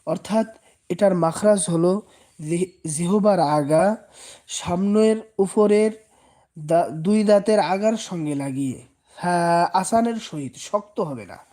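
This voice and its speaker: A man's voice: high voice, unhurried, pauses often, dark tone. A man with a Bangladeshi Bengali accent giving a patient Quran reading lesson, repeating each letter and drawing out its sounds. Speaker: Quran teacher. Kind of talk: slow step-by-step recitation lesson.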